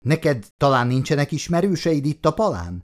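A man's voice: a little high, big pitch swings, voice pushed up. A male reader playing a young man who defends himself evasively to his fiancée. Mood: defensive. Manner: defensive, self-justifying.

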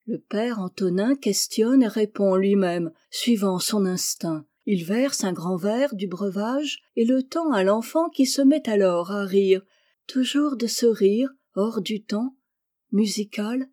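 A woman reading a literary story aloud in a slow, gentle, measured way. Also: medium pitch.

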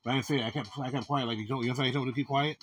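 A man talking with his mother in casual conversation, halting and full of restarts, asking the same questions again and again. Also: medium pitch, fairly even intonation, a little hiss or hum. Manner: repetitive, keeps asking "you know what I meant?"; halting, many restarts and stammers.

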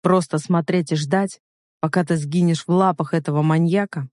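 A man plays a domineering, possessive young man who speaks slowly and forcefully. His voice stays close and dry. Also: a little high, fairly even intonation, no echo, lightly acted. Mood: angry. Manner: forceful, slow and loud.

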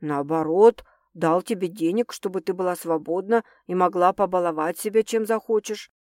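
A woman voicing a calm, self-assured wealthy man who speaks in a measured, slightly condescending way, pitched a little lower than her narration. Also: no echo, clean studio sound, lightly acted.

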